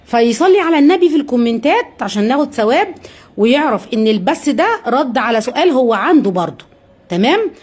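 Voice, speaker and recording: A woman's voice: sits high, sing-song, fast talker, darkish tone, slightly rough. A woman with an Egyptian accent giving a live-streamed religious talk. She talks to her viewers directly in an earnest, coaxing way and keeps asking questions that she then answers herself. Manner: asks rhetorical questions and answers them herself.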